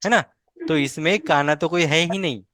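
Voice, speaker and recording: A woman teacher with a low voice runs a patient pronunciation drill. She says each word slowly, repeats it and corrects mistakes. The sound is close and dry. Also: a bit bright, no echo. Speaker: language teacher.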